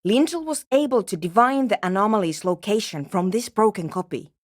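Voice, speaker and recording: Playing a brusque, nerdy young woman programmer who studies a radio anomaly, an actress delivers video game lines in a dry, matter-of-fact, sardonic way. The acting is light, with lively intonation at a fairly quick pace. Her voice sits at medium pitch, and the recording has no room sound.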